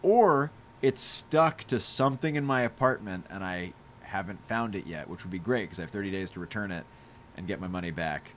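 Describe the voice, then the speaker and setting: A man's voice: sits low, a little fast, a little hiss or hum. A young man casually answering fan questions on a live stream, rambling through stories with lots of fillers and laughs. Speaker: podcast creator hosting a live Q&A. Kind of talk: casual live chat with fans.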